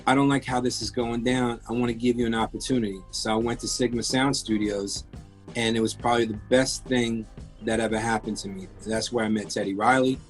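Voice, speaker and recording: A French-born music engineer in his fifties, guesting on a casual interview, tells his career story candidly, rambling and restarting often. His mid-range voice moves fairly quickly with fairly even intonation, faint music behind him.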